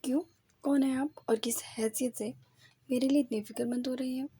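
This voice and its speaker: A woman's voice: on the high side, steady tone, mellow, slightly rough. A woman voicing a cold young woman who answers sternly and curtly in an audio novel. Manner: stern, curt.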